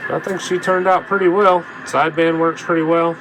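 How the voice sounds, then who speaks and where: A man who's coming down with a cold demonstrates a radio he has repaired in a casual hands-on vlog. His slightly high voice stays fairly level at a moderate pace, and he talks plainly and folksily, rambling a bit, with clear background noise present.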